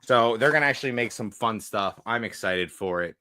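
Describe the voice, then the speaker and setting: Deep-voiced joking podcast co-host. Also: male voice, fairly quick, dry recording, clean studio sound. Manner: loud, joking, shouts out chat viewers. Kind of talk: casual livestream podcast chat.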